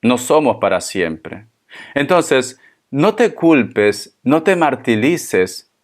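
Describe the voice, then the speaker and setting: Slow, consoling male tarot reader. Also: mid-range voice, big pitch swings. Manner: slow, repetitive, consoling, addresses the listener tenderly. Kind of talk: spoken tarot reading to viewers.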